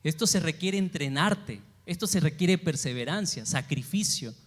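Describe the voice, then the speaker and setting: A man preaching a sermon, asking the congregation questions and moving between loud emphasis and quiet asides. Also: on the high side, expressive, moderate pace, in a large hall. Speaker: pastor. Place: church sanctuary.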